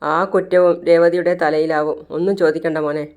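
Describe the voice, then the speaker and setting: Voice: medium pitch, little pitch movement, brisk, darkish tone, clean tone, lightly acted. The narrator reading the lines of a poor, worried mother who pleads in a sorrowful way, in a plain retelling. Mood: pleading.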